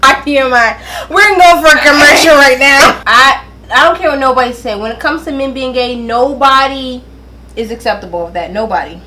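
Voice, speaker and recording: A woman's voice: sits high, brisk, sharp tone, rough recording. A giggly drunk woman bantering casually as a vlog host, sassy, teasing and emphatic. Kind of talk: casual banter while doing makeup.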